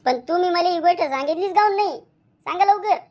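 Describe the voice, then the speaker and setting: A loud, indignant village wife from a cartoon comedy, voiced by a man, scolding in a shrill Khandeshi Marathi accent. Her voice sits very high and sharp, and every line comes out as a complaint. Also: normal speed. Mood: demanding. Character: bossy village wife, second spouse returned.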